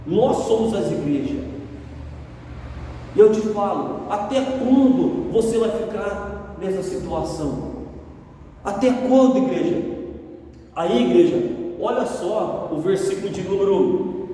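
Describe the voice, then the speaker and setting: A man's voice: high voice, animated, a little slow, pauses often, mellow, slight background noise. A man preaching a fervent sermon, often calling out to his congregation. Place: church hall. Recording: echoey church hall from far off.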